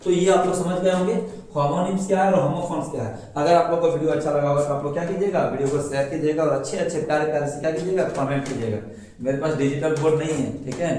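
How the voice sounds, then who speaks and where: Male teacher, fairly high voice, repeats himself, answers his own questions, heavy room echo. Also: warm tone, slight background noise. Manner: repetitive, asks questions and answers them himself. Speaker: English teacher. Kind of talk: classroom-style lesson at a board. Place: room, recording without a digital board.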